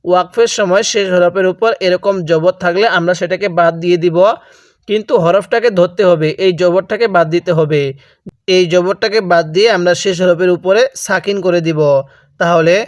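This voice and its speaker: A Quran recitation teacher, a man with a Bangladeshi Bengali accent, leads a slow, syllable-by-syllable lesson. His voice sits fairly high and sounds smooth and clear. The recording is close and dry, with no room sound. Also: fairly even intonation, no echo. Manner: patient, breaks words into syllables and has listeners repeat.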